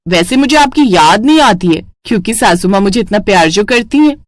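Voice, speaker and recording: A woman's voice: medium pitch, lively intonation, fairly quick, dry recording, studio quality, lightly acted. A woman voicing a cheeky, overworked young daughter-in-law who makes sarcastic comebacks. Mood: teasing.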